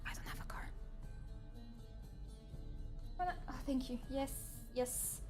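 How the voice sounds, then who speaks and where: Using a voice changer that makes him sound female, a male streamer voices a teasing, sarcastic AI avatar and chats casually with his viewers. His whispered delivery is very high-pitched with huge pitch swings, slow, a little mellow, and fully in character. The mood is chatty, and faint game music plays behind him.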